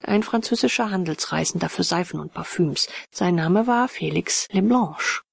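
A woman narrates a ghost story at a measured, hushed pace, often slipping toward a whisper. Her voice is husky with a gravelly fry, and the sound is dry and close. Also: lowish voice, no echo. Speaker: audiobook narrator.

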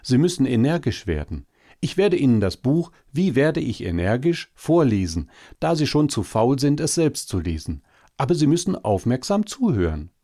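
A man voicing a small, timid, eager and helpful monkey in a storybook reading, with a quick, earnest, pleading manner. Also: mid-range voice, sing-song, dark tone, pitched above the performer's own voice. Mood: urging.

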